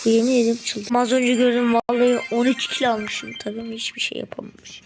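A woman giving gameplay commentary to her viewers while opening rewards, quickly getting frustrated and excited. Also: fairly high pitch, over music. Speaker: mobile game streamer.

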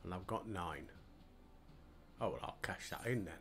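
His voice sits low and sounds a bit bright, moving at a moderate pace. He's an older streamer from Yorkshire with a matching accent, casually talking to himself and viewers during gameplay on a home headset mic.

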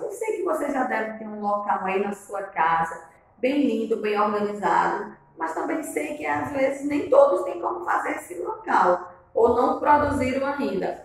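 A woman's voice: a little high, fairly bright tone. A woman with a Brazilian Portuguese accent teaching a video lesson to small children in a sing-song way, recorded in a classroom on a camera a few metres away. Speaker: preschool teacher. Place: indoor classroom, standing before a whiteboard. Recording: very echoey classroom, distant mic.

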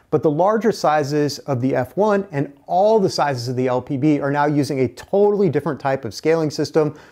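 Slightly mellow and pitched on the high side, this middle-aged man's voice carries an earnest scripted update for the channel he runs as a kayak builder. Wearing a lapel mic, he speaks to camera in an indoor workshop containing a canoe and a curtain, using both hands to gesture while he explains.

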